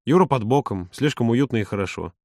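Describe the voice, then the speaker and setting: A man's voice: medium pitch, dry recording. Man reading an audiobook, dry sound. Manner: even, measured reading. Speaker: audiobook narrator. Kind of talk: scripted narration.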